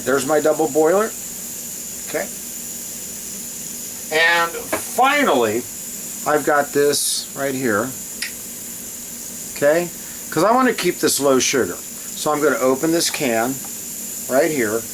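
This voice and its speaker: This low-quality recording features a medium-pitched man chatting loosely as he shows a recipe for a home cooking video, often pausing to handle things. A loud, steady hiss is audible throughout.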